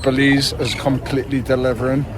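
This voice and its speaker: A young man with a Geordie accent, chatting excitedly through a casual travel vlog outdoors by the sea. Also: medium pitch, brisk, noisy background. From North East England. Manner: chatty, excitable, swears and laughs. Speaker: travel vlogger.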